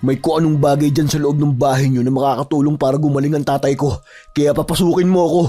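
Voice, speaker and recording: A man's voice: on the high side, fairly even intonation, quick pace, warm tone, soft background music, close to an everyday voice. A man playing a distraught young man desperate to save his father, talking urgently and confronting others. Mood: angry.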